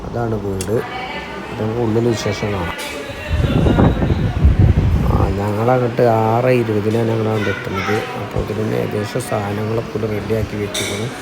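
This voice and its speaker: Male vlogger, Palakkad Kerala accent, even casual delivery with English words dropped in, noisy vehicle and music backdrop. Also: fairly low pitch, moderate pace, vocal fry, long pauses. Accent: Kerala Malayalam, Palakkad area. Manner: mixes English words into Malayalam. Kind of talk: casual travel and food vlog narration.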